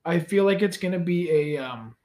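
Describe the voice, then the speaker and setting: High-voiced casual man in a garage. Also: lively intonation, moderate pace, a little mellow. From Canada. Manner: rambling, self-correcting, laid-back. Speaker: podcast co-host. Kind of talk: casual sports chat. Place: cold home garage.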